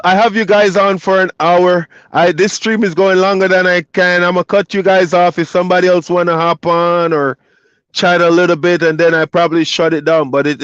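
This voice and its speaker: A trucker hosts a live stream in a higher-pitched voice, talking in a laid-back, loose way and reading chat comments aloud. There's no echo, and the highs are cut off.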